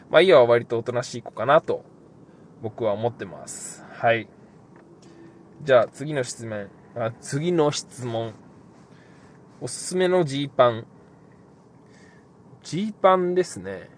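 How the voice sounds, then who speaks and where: A young man hosting a casual podcast and answering listener questions, easygoing and rambling with lots of fillers. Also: mid-range voice. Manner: relaxed, rambling, many fillers. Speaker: podcast host, pro basketball player.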